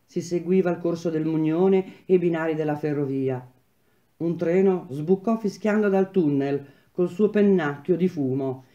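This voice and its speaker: A woman reading a novel aloud in a measured, even storytelling manner. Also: lowish voice, lo-fi sound. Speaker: reader of a novel.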